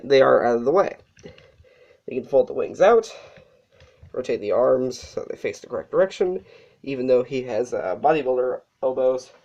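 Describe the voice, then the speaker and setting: Sick, breathless toy reviewer, mellow tone. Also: medium pitch. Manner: casual, with fillers and self-corrections. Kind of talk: casual hands-on review. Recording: dull lo-fi recording.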